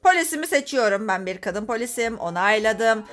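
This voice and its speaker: Excitable, high-voiced woman gamer. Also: a little fast, soft background music. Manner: excitable, exasperated, talks to viewers. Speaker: gaming YouTuber. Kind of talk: let's-play commentary.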